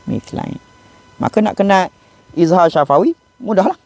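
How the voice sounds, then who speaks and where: A man with a Malaysian Malay accent teaching Quran recitation rules, explaining patiently and slowing down to model each example. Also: high-pitched, expressive, creaky, a little mellow. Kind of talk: classroom lesson on recitation rules.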